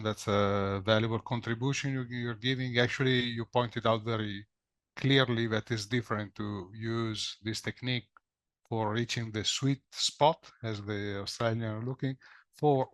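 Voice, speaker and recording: Halting male webinar moderator, dry sound. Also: on the low side, a bit bright, dry recording. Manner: halting, repeats words, restarts. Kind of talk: moderating a video call. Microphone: video call.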